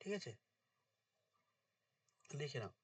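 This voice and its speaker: A male teacher, dictating notes and quizzing students in an informal lesson, his voice going hoarse. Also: slow pace, no room sound, recorded from a distance. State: voice getting hoarse.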